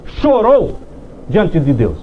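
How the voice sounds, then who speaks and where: A man with a high voice preaches a sermon, slowly and with emphatic pauses, acting out heartfelt prayers. The recording sounds dull and lo-fi, with faint noise behind him. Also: wildly swooping pitch. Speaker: pastor.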